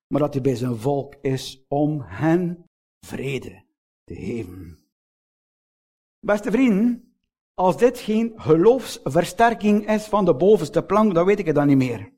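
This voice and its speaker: A Flemish man delivers a sermon in a fairly high-pitched voice, speaking straight to his listeners and asking them question after question. He lifts some phrases with emphasis, then lets others sink into a low, slow hush. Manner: earnest, addresses listeners directly with frequent rhetorical questions; swings between raised emphatic phrases and low, slowed, hushed endings. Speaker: preacher.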